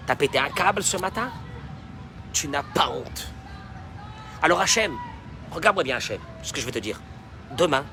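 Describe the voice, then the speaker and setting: A man preaching a sermon as a rabbi, dropping in Hebrew phrases and swinging from quiet talk to shouting. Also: fairly high pitch, noisy background. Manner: mixes Hebrew phrases into his speech.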